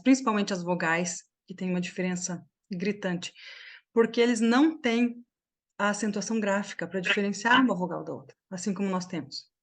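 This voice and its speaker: A woman from Brazil leads an online language class through a computer microphone, her voice sitting at an ordinary middle pitch. She explains each point step by step and keeps checking that her students are following. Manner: explains slowly with many checking questions. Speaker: English teacher.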